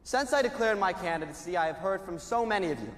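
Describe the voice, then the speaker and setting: A man's voice: sits high, lively intonation, quick pace. An actor playing a stiff, formal young male student candidate who speaks earnestly and precisely in a film. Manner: formal, earnest, precise, builds to shouting in speech. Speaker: student candidate for school board. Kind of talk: film dialogue, campaign speech and debate prep. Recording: reverberant hall, faint noise.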